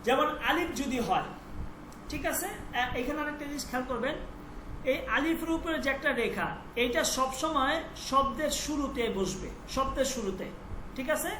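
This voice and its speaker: A woman's voice: sits high, normal speed, reverberant, noisy background. A woman teaching Persian pronunciation in an online class, patiently repeating sounds and checking that students follow.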